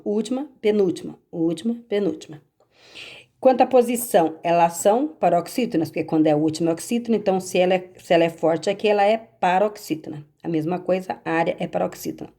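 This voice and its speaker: A woman's voice: fairly low pitch, vocal fry, warm tone. A Brazilian woman teacher patiently going over homework corrections, explaining step by step and checking in with her pupils. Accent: Brazilian Portuguese.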